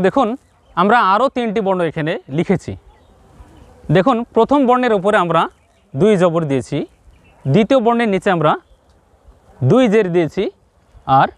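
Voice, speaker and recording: A man teaching Quran reading step by step, patiently repeating each sound slowly and addressing the viewers directly. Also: high-pitched, no echo. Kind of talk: step-by-step lesson.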